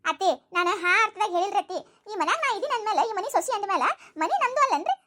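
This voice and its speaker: A woman's voice: very high-pitched, lively intonation, fast, heavy background noise. Woman playing a defiant young daughter-in-law. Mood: defensive. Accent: North Karnataka Kannada. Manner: defiant, talks back plainly. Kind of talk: comedy skit.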